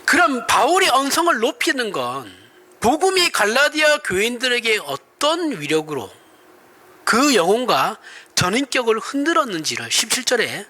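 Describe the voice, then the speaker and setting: A middle-aged man with a Gyeongsang accent preaches in a sermon, speaking in a high voice with very bright, forceful tone. His delivery is chatty and animated, swinging widely in pitch, asking for agreement and laughing at himself. A faint hiss sits under the recording. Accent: Gyeongsang Korean. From Gyeongsang region, Korea. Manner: conversational, often asks the congregation for agreement, laughs at himself. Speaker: pastor.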